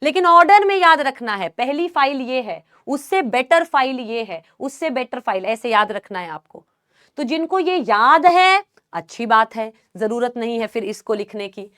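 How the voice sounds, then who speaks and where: A woman biology teacher, lecturing a class and drilling a memory trick through slow repetition. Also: fairly high pitch, expressive, pushed and bright. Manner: slow drilling repetition, addresses students as beta.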